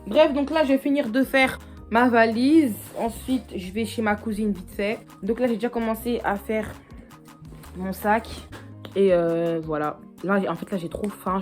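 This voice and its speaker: Young woman vlogging, kinda low voice, rambles on with lots of ums, music playing behind. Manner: rambling, full of fillers and restarts. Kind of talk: casual vlog chat.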